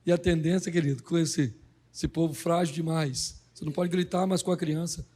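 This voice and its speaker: A middle-aged man, a pastor, preaching a humorous sermon and acting out dialogue in quick, animated voices. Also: a little high.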